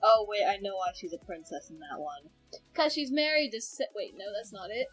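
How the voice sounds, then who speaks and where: A woman's voice: medium pitch, very animated, fairly quick, husky, soft background music, rough recording. A young woman hosting a casual reaction chat with a friend, rambling, correcting herself and laughing as she goes. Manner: chatty and rambling, with sudden laughs and self-corrections. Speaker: video reactor, channel host.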